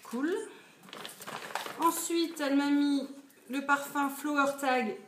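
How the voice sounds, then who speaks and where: A woman's voice: high voice, fairly even intonation, slow pace, fairly bright tone. Chatty young woman in an echoey room. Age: 20s. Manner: chatty, many fillers. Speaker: beauty vlogger. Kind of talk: casual haul video. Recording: echoey room, faint noise.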